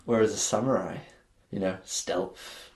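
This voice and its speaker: Hesitant low-voiced man, echoey room. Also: steady tone, a little slow, a little mellow. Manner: hesitant, agreeable, lots of "yeah". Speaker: podcast co-host. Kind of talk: casual chat.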